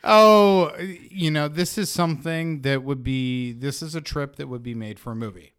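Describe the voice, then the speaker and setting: A man's voice: on the high side, moderate pace, fairly bright tone, clean tone. A young man telling a story as a podcast guest, laughing as he goes. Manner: laughs while telling stories, restarts and fillers. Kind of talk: casual conversation, storytelling.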